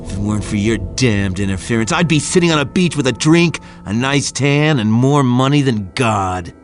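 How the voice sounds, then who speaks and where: An actor playing a smug, bitter traitor and terrorist mastermind in a video game cutscene, sneering and theatrical. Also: male voice, mid-range voice, lively intonation, normal speed, natural voice. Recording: music behind the voice.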